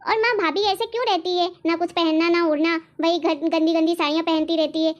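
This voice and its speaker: A domineering cartoon sister-in-law scolds in a very high, harsh, sarcastic voice. Her nagging never lets up. The recording sounds dull and lo-fi. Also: fairly even intonation, fairly quick. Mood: complaining. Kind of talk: animated cartoon voice acting.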